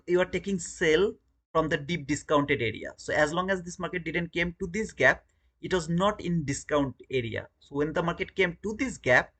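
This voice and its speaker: Live-streaming his trades, a man from Bangladesh talks to viewers in a slightly high, fairly bright voice and a Bangladeshi English accent. His commentary is casual and chatty, with frequent repeated words.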